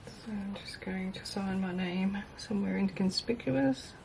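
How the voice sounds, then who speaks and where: A woman's voice: medium pitch, measured pace, creaky, a little mellow, a little hiss or hum. A middle-aged woman casually thinking aloud through a craft demonstration, sounding tinny, as if in a tin can, on a built-in camera microphone. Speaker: craft video maker. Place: indoors at a craft table. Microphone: built-in camera microphone, overhead at a distance.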